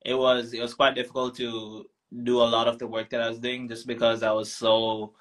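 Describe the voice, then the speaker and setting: A man's voice: mid-range voice, flat delivery, brisk, a bit bright, poor audio. A young man from Tanzania, a founder talking as a guest in a casual interview, reflective and full of ums and restarts. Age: young adult.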